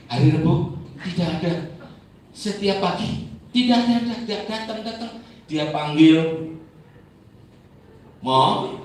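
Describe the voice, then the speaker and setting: A man preaching a sermon as pastor, animated, acting out members of his church and children in raised voices. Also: fairly high pitch, a little hiss or hum. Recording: echoey church hall, mic at a distance.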